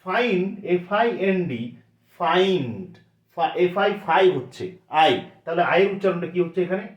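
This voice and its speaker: Man teaching, lively and roomy. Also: high-pitched, lo-fi sound. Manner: repeats sounds slowly, asks and answers his own questions. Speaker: English teacher. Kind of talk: classroom lesson. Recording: roomy echo.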